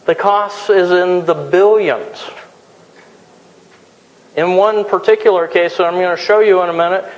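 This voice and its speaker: A man gives a conference talk in a relaxed, joking way. His voice sits fairly high for a man. It carries a long reverb from a large hall. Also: lo-fi sound. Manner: casual, joking. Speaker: conference speaker.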